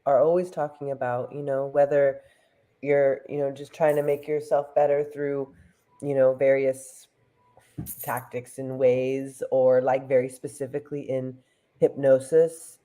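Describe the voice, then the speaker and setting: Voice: medium pitch, level tone, unhurried, dark tone. A podcast co-host asking a guest questions in a thoughtful, casual way, with many fillers. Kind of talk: casual interview chat.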